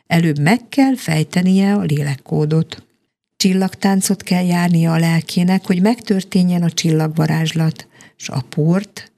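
A woman reading a children's fairy tale aloud in a calm, expressive storytelling manner. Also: on the low side, creaky.

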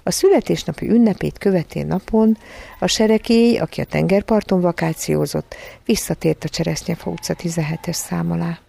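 A woman narrating a children's novel as an audiobook in a calm, even storytelling manner. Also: lowish voice, creaky.

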